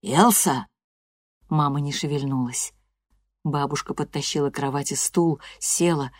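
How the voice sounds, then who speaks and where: A woman narrating an audiobook in a calm, soft-spoken storytelling manner. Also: low-pitched, moderate pace, dry recording, clean studio sound. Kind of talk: scripted narration.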